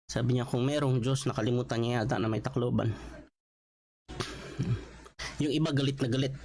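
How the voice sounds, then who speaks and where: Filipino male preacher, mid pitch, conversational Taglish sermon, emphatic rises, light background noise. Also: darkish tone, low-quality recording. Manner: conversational, mixing Tagalog and English, rising emphatic pitch on quotes. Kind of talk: Bible study sermon.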